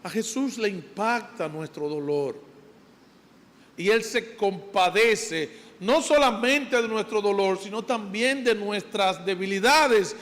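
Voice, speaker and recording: A man preaching a sermon in a church, lively, asking his listeners questions and then answering them himself. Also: high-pitched, slow. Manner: animated, asks the congregation questions and answers them. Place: church sanctuary. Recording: long hall reverb.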